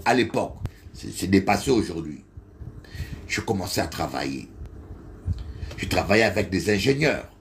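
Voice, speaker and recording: A middle-aged man with a Congolese French accent, preaching a sermon and telling a personal story, slow and then loud and high. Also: a little hiss or hum. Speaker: bishop preacher.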